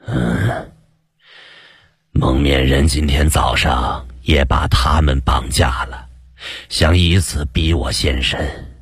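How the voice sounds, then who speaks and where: A man voicing a worried older male scientist who speaks softly, slowly and with sighs. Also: extremely low pitch, fairly even intonation, slightly rough, full character voice. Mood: anxious hushed. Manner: soft, sighing, slow speech.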